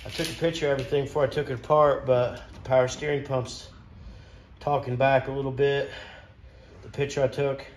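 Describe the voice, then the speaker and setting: A man's voice: mid-range voice, level tone, fairly quick, roomy sound, slight background noise. A man, a mechanic chatting casually in a folksy, plainspoken way while he works. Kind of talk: casual chat while working on a truck.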